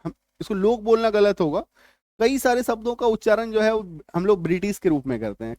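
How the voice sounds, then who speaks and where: A high-voiced male English teacher gives a spoken lesson to viewers in a clean, dry studio sound with a darkish tone. He's repetitive, checking in with "है ना" and "ठीक है," and slowly spells words out letter by letter.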